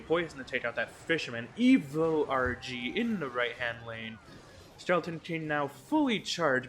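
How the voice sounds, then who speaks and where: A man giving quick, excitable play-by-play commentary on an esports match, with jokey asides. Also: medium pitch, slight background noise. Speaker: esports caster.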